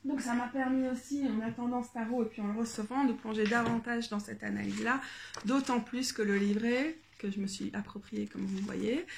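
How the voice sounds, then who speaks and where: Rambling woman with a high voice. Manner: rambling, thinking aloud with many fillers and restarts. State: low in energy, unwell. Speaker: tarot vlogger. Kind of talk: casual vlog talk.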